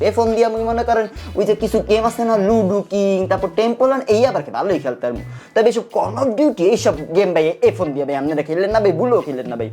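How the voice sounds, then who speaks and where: High-voiced man in a comic Barishal dialect. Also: a little mellow. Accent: Barishal dialect of Bengali, put on. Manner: rambling, playful folksy banter addressing "dadu". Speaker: gaming segment presenter. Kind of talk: comic dialect gaming review.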